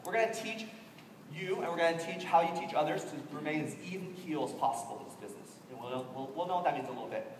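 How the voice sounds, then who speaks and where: A man giving an animated motivational training talk to a room, acting out the people he quotes. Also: fairly high pitch, noisy background. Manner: animated, quick-talking, acts out quoted people. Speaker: network marketing trainer. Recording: echoey hall from far off.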